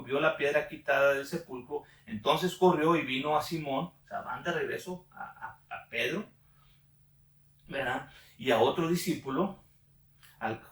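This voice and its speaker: A man's voice: on the high side, fairly bright tone. A man leading a Bible study, reading passages aloud and then explaining them, checking in with his listeners through frequent questions. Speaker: Bible teacher. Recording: roomy echo, distant mic.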